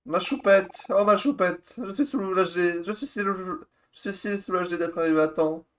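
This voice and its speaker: A man's voice: high voice, normal speed, a bit bright, a little hiss or hum, voice pushed up. A man voicing a melodramatic, lovesick young space captain who pleads with his beloved.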